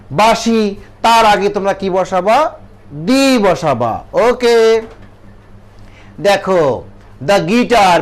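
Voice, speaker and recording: A man with a Bangladeshi accent teaching an English grammar lesson to children, asking questions and answering them himself. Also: high voice. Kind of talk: classroom lesson.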